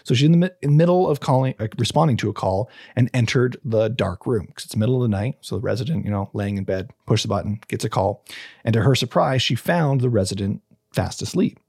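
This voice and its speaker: A man's voice: medium pitch, fast, vocal fry, mellow, husky, no room sound, studio quality. A man hosting a casual true crime podcast, reading the case from notes with stumbles, restarts and offhand asides.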